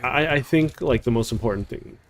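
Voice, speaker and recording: A man's voice: mid-range voice, fairly quick. A man giving casual gameplay commentary as a streamer, rambling with many "like"s and "uh"s. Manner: rambling, heavy on "like" and "uh".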